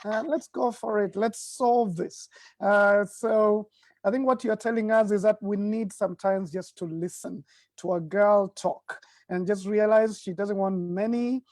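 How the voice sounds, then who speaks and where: A man's voice: sits high, fairly even intonation, a little slow, a little mellow, no echo. A middle-aged man hosting a talk show, hesitating with many uhs and ums and chuckling between remarks. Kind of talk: casual studio chat.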